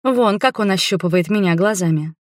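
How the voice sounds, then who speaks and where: A woman's voice: mid-range voice, a little fast, no echo, clean studio sound. A woman reading a first-person novel aloud, narrating and voicing the characters in dialogue. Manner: voices several characters in dialogue. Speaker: audiobook narrator.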